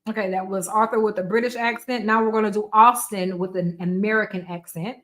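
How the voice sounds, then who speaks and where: A woman's voice: mid-range voice, fairly even intonation, brisk, a bit bright. A woman hosting a casual screen-share tutorial livestream, chatting off the cuff to her viewers while eating. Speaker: livestream host demonstrating software.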